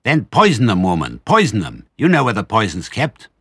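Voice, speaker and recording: A man's voice: fairly low pitch, huge pitch swings, moderate pace, a bit bright, slightly rough, no room sound, heavily acted. A man voicing an impatient, bossy farmer's wife with a snappish, commanding manner in a storybook. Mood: exasperated.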